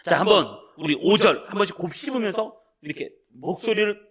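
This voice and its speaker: A male pastor preaching a sermon in a church, moving between soft, hushed asides and loud, drawn-out reading of scripture as he leads the congregation. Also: sits high, breathy edge. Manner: addresses the congregation directly, leads group reading. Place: church sanctuary.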